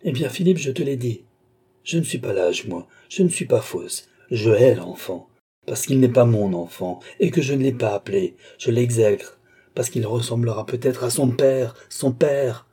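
A man's voice: on the low side, moderate pace, dark tone, breathy edge. A man voicing a desperate young woman who pleads and cries out in anguish, in an audiobook reading. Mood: bitter. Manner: anguished, pleading, rising to outcries. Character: desperate young woman cursing her fate.

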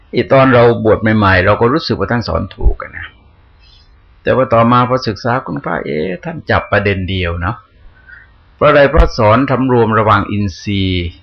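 Gravelly, husky Buddhist monk giving a talk. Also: male voice, medium pitch. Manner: conversational, poses rhetorical questions and answers them. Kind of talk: dharma talk sermon. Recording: dull lo-fi recording.

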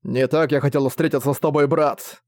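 A man's voice: a little high, steady tone, normal speed, dry recording, lightly acted. A man voicing a determined young prince who speaks in an earnest, resolute way. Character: determined young prince fighting his brother.

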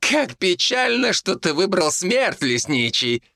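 Man doing a high-pitched monk villain, shrieking, menacing, sickly sweet, wildly swinging pitch, dry close sound. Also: expressive, moderate pace, bright, forceful tone, no room sound. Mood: ranting. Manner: shrieking, menacing, then sugary. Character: ranting scheming male monk villain.

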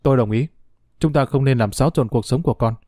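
A man's voice: mid-range voice, quick pace, warm tone, dry recording, studio quality, natural voice. A man voicing a young man who apologizes with a choked voice, in a storybook reading. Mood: earnest. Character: remorseful young man, pleading father.

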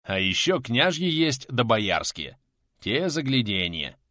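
A man voicing a gruff bearded male warrior who talks loudly and slowly, scolding and fussing over his friend. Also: medium pitch, animated, dry recording, clean studio sound, close to an everyday voice. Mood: mocking.

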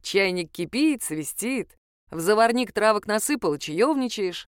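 A woman's voice: mid-range voice, expressive, a little slow, clean tone, dry recording, studio quality, close to an everyday voice. A woman reading a contented, dreamy husband.

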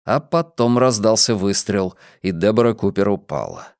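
A man's voice: lowish voice, animated, normal speed, darkish tone, no echo, studio quality. A man reading a novel aloud as a narrator, with a tense, dramatic delivery. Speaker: audiobook reader. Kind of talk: scripted narration.

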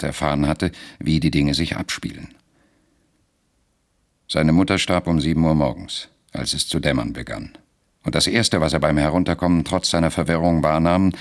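A man narrating a radio drama in a measured, deliberate storytelling manner. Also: very deep voice.

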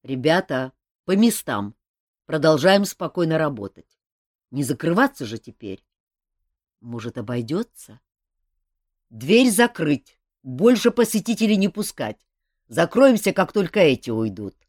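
A woman's voice: low voice, big pitch swings, measured pace, pauses often, darkish tone, dry recording, full character voice. A fretful, pleading tavern keeper , as a woman reads him, fussing over his customers. Dry, close sound. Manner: anxious, pleading. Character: fretful middle-aged male tavern keeper.

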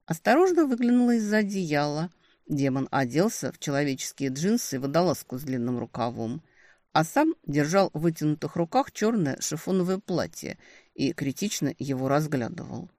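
A woman's voice: deep voice, animated, normal speed, a little mellow, dry recording. Woman reading an audiobook, dry sound. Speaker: audiobook narrator. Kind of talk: first-person scripted narration.

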